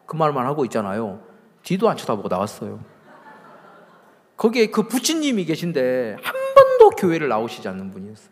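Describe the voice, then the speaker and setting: A man pastor preaching a sermon, telling a story with acted-out dialogue and building to loud emphasis. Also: mid-range voice, huge pitch swings, fairly quick. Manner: storytelling, acting out quoted dialogue. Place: large hall at a summer church camp. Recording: long hall reverb.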